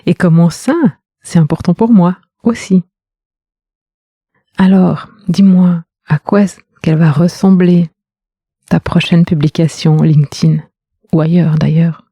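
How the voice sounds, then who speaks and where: A woman's voice: lowish voice, fairly even intonation, unhurried, long pauses, dark tone, slightly rough, no echo, clean studio sound. A woman, a podcast host and communication coach, reading a scripted poetic monologue in an intimate, questioning tone that speaks straight to the listener.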